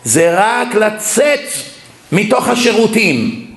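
A man's voice: sits high, creaky, roomy sound. A rabbi preaching to a lecture audience, mixing humorous personal stories into his sermon. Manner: lively anecdotal preaching with humor. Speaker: rabbi giving a public lecture. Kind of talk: sermon with storytelling. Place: lecture hall.

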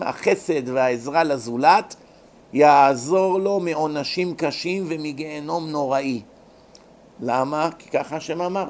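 A man delivering a fervent sermon in a fairly high voice. He scolds, asks the audience questions, and acts out sinners begging for mercy. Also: darkish tone, a little hiss or hum. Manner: preachy, dramatic, acts out pleading voices. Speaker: rabbi lecturer.

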